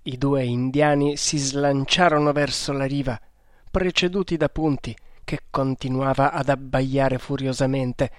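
A man narrating an adventure storybook in a slow, deliberate reading. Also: mid-range voice, fairly even intonation, dry recording. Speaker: audiobook narrator.

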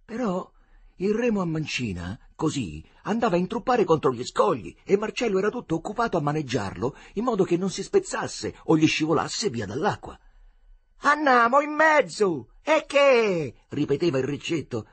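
A man reading a novel aloud as an expressive audiobook narrator, sinking low and soft on quiet images. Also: fairly quick, breathy edge, no echo. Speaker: audiobook reader.

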